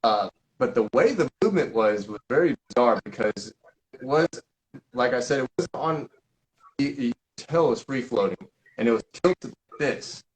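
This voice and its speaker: A man hosting a live question-and-answer stream, talking loosely in a rambling, halting way with many fillers and restarts. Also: mid-range voice, animated, poor audio. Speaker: paranormal investigator hosting a live Q&A. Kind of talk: casual live-stream chat.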